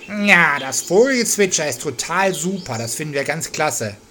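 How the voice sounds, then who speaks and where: A man's voice: a little high, expressive, moderate pace, a little hiss or hum. A man voicing a playful little male nature spirit, chirpy and cheerful, outdoors. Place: outdoors with birdsong. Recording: loud birdsong behind.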